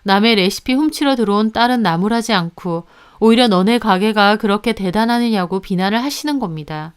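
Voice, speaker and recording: A woman's voice: medium pitch, a little fast, smooth. A woman narrating a family conflict in the first person, indignant and confiding. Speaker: storyteller.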